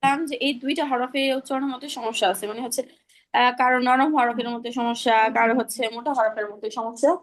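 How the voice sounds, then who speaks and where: Female teacher, higher voice, patient and repetitive, online class. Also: steady tone, low-quality recording. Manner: patient, demonstrates letter sounds slowly and repeatedly. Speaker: Quran recitation teacher.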